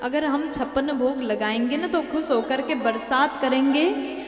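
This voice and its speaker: A pious old village father chants a verse and gently explains to his son, as a woman preacher voices him. His voice comes out high and loud. It rings through an echoey hall with faint music. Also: a little slow. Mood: explaining.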